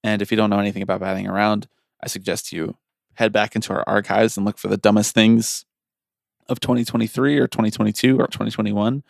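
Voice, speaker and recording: A man's voice: lowish voice, little pitch movement, fast, vocal fry, dry recording, studio quality. A man co-hosting a podcast in casual chat, joking, laughing often and trailing off mid-sentence. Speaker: podcast co-host.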